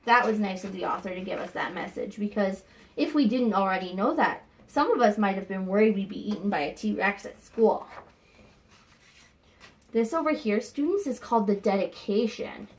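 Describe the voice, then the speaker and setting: Reading a picture book to young students in a medium-pitched voice, a woman teacher gives an expressive read-aloud lesson. She stops now and then to think aloud and ask the children questions.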